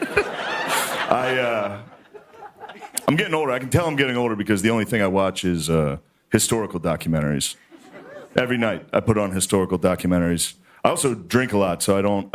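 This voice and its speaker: A man in his thirties doing stand-up comedy, loose and conversational with deadpan asides, on a stage before a live audience. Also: on the low side. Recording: live show with audience noise. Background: audience laughter.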